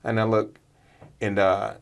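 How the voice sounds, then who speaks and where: A man's voice: on the low side, flat delivery, unhurried, gravelly. A man hosting a podcast, telling stories in an earnest conversational way, often repeating "I said". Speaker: podcast host. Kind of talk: conversational storytelling.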